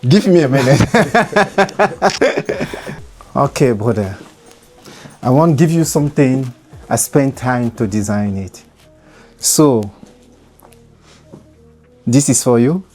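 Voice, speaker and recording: A man's voice: mid-range voice, animated, slow pace, pauses often, darkish tone, faint music behind. A man, a designer, speaking earnestly in broken English and often repeating his words. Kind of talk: casual chat in broken English.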